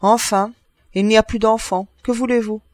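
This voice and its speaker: A man reading an audiobook, voicing a gruff, kindly old neighbor woman who chats bossily. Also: sits high, fairly even intonation, normal speed, dry recording, studio quality, close to an everyday voice. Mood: gossipy. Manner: bustling, bossy, chatty.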